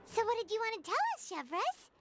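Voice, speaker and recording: Brief: tiny floating game companion, squeaky, sing-song, swoops wildly. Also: female voice, sing-song, fairly quick, music in the background, full character voice. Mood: curious. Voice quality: squeaky high voice. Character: tiny floating girlish companion, chirpy and curious. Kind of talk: video game voice acting.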